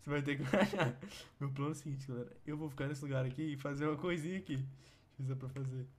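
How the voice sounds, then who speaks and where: A man's voice: a little high, rapid-fire, slight background noise. A young man with a Brazilian Portuguese accent hosting a gaming video, teasing his partner and breaking into shrieking laughter. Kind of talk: playful game commentary.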